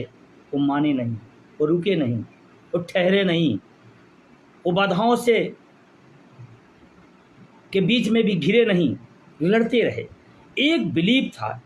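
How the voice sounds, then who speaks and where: A man's voice: high voice, slight background noise. A man leading a pension movement, giving an impassioned rally speech full of repeated phrases for emphasis.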